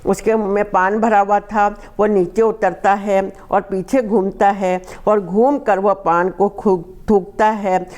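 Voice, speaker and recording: A woman's voice: mid-range voice, fairly even intonation, a little mellow. A woman teacher reading a Hindi text aloud and going over each line again in simpler words for her class. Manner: reads a line, then rephrases it slowly in simple words. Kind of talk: reading and explaining a Hindi lesson.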